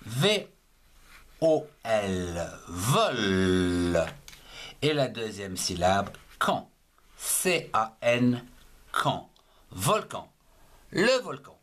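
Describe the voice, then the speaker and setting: A man gives a handwriting lesson for young children, sounding out each word one syllable and one letter at a time. He talks very slowly and deliberately. His pitch rises and falls in a lively, sing-song way. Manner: spells words syllable by syllable, patient and deliberate. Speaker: handwriting teacher. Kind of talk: slow spelled-out writing lesson.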